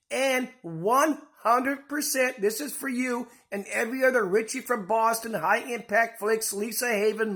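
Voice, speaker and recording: A sharp, bright-sounding voice delivering an angry, profane rant. The vlogger rambles, stops and restarts sentences, and swears freely while running through commentary at home. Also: medium pitch. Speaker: channel host. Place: house, indoors.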